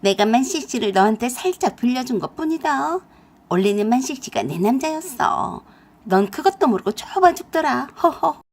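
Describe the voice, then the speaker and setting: A brazen young woman played by a female narrator taunts in a raised, shrill voice. Her delivery swings wide and high with a husky edge. She is the scheming ex-girlfriend in a spoken drama. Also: expressive, normal speed, darkish tone. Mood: mocking.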